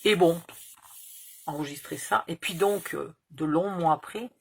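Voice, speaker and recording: Her voice low, husky, a little slow and touched with vocal fry, a crafting tutorial host in her fifties chats as she works, wandering through a story and swearing casually.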